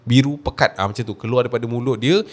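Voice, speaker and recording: A man's voice: mid-range voice, fast talker. A man with a Malaysian Malay accent, retelling a horror story in the first person, casual and speaking straight to the listener. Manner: casual, addresses the listener directly.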